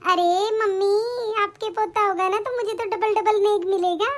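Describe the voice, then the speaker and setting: A woman voicing a spoiled, greedy young sister-in-law in an animated family drama, demanding and whiny. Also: very high-pitched, moderate pace. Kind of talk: animated story voice acting.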